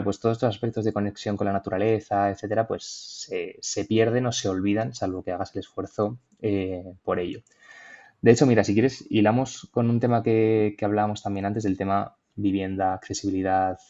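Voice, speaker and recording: Young man, Madrid Spanish accent, podcast co-host; low mellow voice, hesitant and reflective, muffled lo-fi recording. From Madrid, Spain. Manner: thoughtful, hesitant, many fillers and restarts. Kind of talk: casual podcast conversation.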